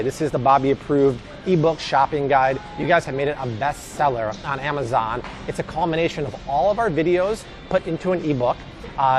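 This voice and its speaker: Man host, slightly high voice, emphatic and chatty shopping-guide vlogger, faint music underneath. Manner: chatty, emphatic, jokey asides. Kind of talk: casual grocery shopping advice vlog.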